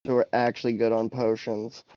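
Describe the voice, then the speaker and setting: A man's voice: medium pitch, little pitch movement, fairly quick, no echo, lo-fi sound. A man talking casually as a player in a tabletop game, improvising his character's moves. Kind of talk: casual improvised role-play talk.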